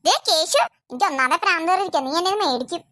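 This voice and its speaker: A woman's voice: very high-pitched, expressive, fast talker, bright, forceful tone, exaggerated voice. A woman voicing a sulky elder daughter in a family cartoon who complains that she is always the one blamed. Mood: accusing. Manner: complaining, accusatory.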